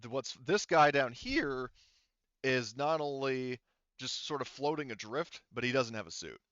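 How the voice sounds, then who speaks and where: Over a dull, lo-fi online voice call, a man acting as game master narrates a tabletop game off the cuff, rambling casually and hedging often. His mid-range voice is unhurried, a bit bright and clean, with lively intonation and a dry sound.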